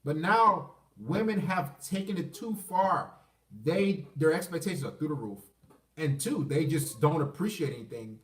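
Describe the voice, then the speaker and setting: A man's voice: fairly high pitch, animated, moderate pace. A man ranting to camera in a blunt, crude and repetitive way, often restarting his phrases. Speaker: vlogger. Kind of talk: casual rant to camera. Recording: echoey room, voice far from the mic.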